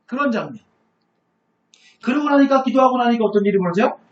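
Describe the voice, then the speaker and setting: A high-pitched male Bible teacher tells the story in a lively way, asking the room question after question. The recording is dull and lo-fi, with plenty of echo from a lecture room. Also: fast talker. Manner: animated storyteller who asks rhetorical questions.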